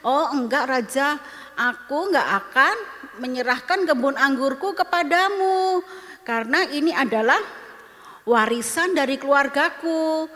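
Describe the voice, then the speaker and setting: A woman's voice: sits high, animated, measured pace, fairly bright tone, long reverb tail. A woman voicing a stubborn male vineyard owner who firmly refuses to sell, in a Sunday school story. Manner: firm, refusing.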